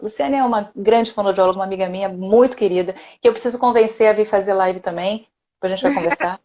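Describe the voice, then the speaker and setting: Talking fast at a medium pitch, a middle-aged speech therapist runs a casual online live chat. She's warm, chatty, and enthusiastic, tacking "né?" onto many of her sentences.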